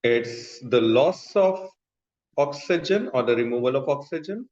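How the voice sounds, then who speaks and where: In a dull, echoey classroom, a chemistry teacher with a Pakistani accent explains and questions his students in a medium-pitched, slightly mellow, expressive voice at a measured pace. He keeps repeating key terms and checking that everyone follows.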